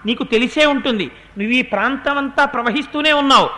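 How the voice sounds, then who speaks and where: A man's voice: extremely high pitch, a little fast, sharp tone. A man voicing a grieving prince who pleads with animals, trees and a river to tell him where his wife is. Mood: pleading. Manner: pleading, lamenting questions.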